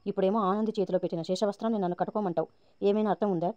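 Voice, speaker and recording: A naive yet pushy young woman, impatient and pleading, voiced by a woman narrator. She talks fast in a dark, mellow tone over dry, dull sound. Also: medium pitch, steady tone, no room sound, close to an everyday voice. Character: naive pushy young woman chasing her sister's husband.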